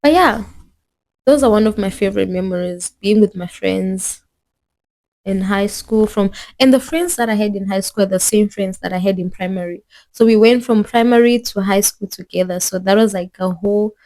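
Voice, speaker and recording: A woman's voice: mid-range voice, moderate pace, a little mellow. A young woman from Zimbabwe vlogging in a chatty, rambling way, full of fillers and restarts, recorded on her phone. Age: young adult. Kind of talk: casual chat.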